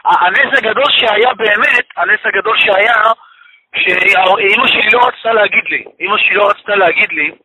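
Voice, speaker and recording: A man's voice: high voice, crowd noise, poor audio. A man giving an emotional personal testimony, repeating phrases for emphasis and weaving religious expressions into his speech. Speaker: guest telling a personal story.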